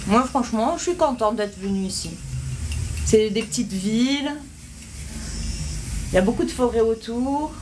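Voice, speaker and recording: Woman, 30s, casual live-stream host, slightly high voice, phone mic, light shop noise. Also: lively intonation, normal speed, long pauses. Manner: chatty, reads out viewer questions and answers them. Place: small shop with a big front window, indoors. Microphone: phone held at arm's length.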